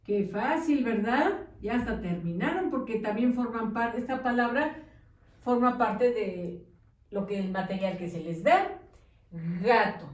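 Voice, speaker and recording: A woman teacher giving a patient lesson to young children, dictating words slowly syllable by syllable and checking in with questions. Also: a little high. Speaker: primary school teacher. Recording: echoey room, distant mic.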